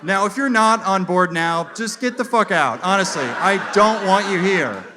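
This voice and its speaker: A young man doing a stand-up comedy set on stage, telling a story with animated delivery and deadpan asides. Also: high-pitched, normal speed, noisy background. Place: comedy stage before a live audience. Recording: live show with loud audience laughter.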